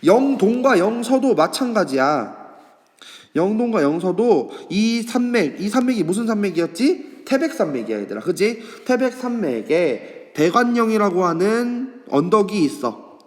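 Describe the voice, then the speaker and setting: A male high school teacher gives an online history lesson, asking students questions and answering them himself. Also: sing-song, measured pace, long reverb tail. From Korea. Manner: acts out students' questions in a higher voice. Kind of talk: online class lecture to students. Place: classroom or office, recording an online lesson.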